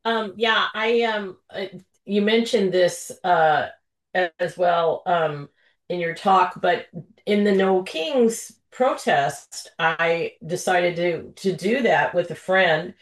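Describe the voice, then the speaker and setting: A woman's voice: lowish voice, slow, echoey room. A woman joining a video call, sharing a personal story emotionally, with many fillers and restarts. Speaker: participant.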